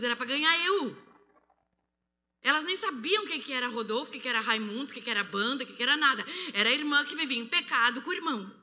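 A Brazilian woman giving an animated testimony sermon on a handheld mic, acting out voices as she tells it. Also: sits high. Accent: Brazilian Portuguese. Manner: animated, acts out quoted voices. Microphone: handheld microphone. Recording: long hall reverb.

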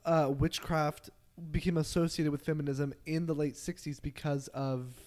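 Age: young adult. Role: podcast host. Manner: rambling casual chat, full of fillers. Pitch: mid. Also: steady tone, moderate pace, darkish tone.

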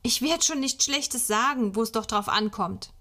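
An eager, cheeky little boy asks earnest childlike questions, as a woman reads the storybook aloud. The reading is slow and a little high. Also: animated, pushed and bright.

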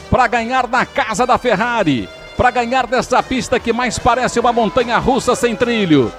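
A Brazilian man working as a motorsport commentator, calling a race live with dramatic, drawn-out exclamations, in a radio broadcast. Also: very high-pitched. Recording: radio broadcast with music behind. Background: music.

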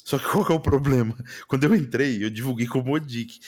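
Fast-talking Brazilian streamer guy. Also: medium pitch. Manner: slangy, animated, repeats mano and velho. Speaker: streamer guest. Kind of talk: casual podcast chat.

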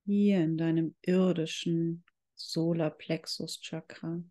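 A yoga instructor guiding a meditation in calm, measured, drawn-out phrases. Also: mid-range voice. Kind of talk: slow guided yoga meditation.

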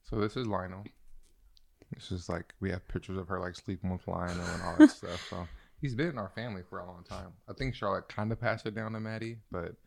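A young man in his twenties tells a slangy, animated story in casual chat. His voice is very deep and gravelly, and he talks quickly. The sound is dry and close. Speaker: co-host.

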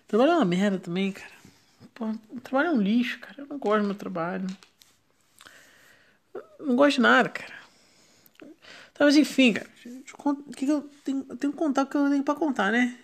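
A woman's voice: on the high side, fairly quick, long pauses. A woman with a Brazilian Portuguese accent hosting a casual solo podcast, rambling in slangy, profanity-heavy talk. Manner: slangy, heavily profane, digressive. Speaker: podcast host.

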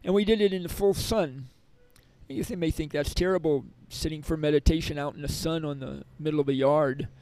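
Middle-aged guy rambling through prison teaching stories, gravelly voice, kinda high, dry close sound. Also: a little fast, darkish tone, no room sound, rough recording. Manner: rambling, with many restarts and fillers. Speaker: prison yoga and meditation teacher. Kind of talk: conversational storytelling interview.

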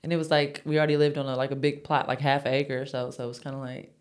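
A woman's voice: rumbling low, level tone, fast talker. A woman in her thirties, co-hosting a podcast in a playful, teasing casual chat. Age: 30s. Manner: playful, teasing, laughs often. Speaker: podcast co-host.

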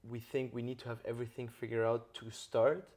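A man's voice: medium pitch, little pitch movement, brisk, darkish tone. A man hosting a podcast interview, explaining ideas earnestly and checking in with frequent tag questions. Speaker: podcast host. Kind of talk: interview conversation.

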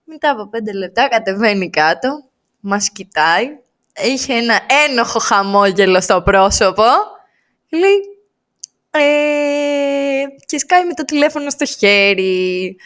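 A woman guest on a podcast, telling a story in casual chat and acting out the quoted lines with lively energy. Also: a little high.

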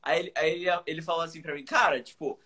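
A man from Brazil chatting casually as a podcast host, relaxed and full of filler words. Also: a little high, racing. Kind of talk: casual chat.

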